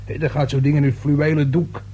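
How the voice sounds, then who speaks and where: This radio drama actor portrays a nosy, grumbling working-class man, speaking haltingly and colloquially with a self-important air. His husky, gravelly voice is fairly high and dark in tone, with a flat delivery. He sounds boastful and grumbling.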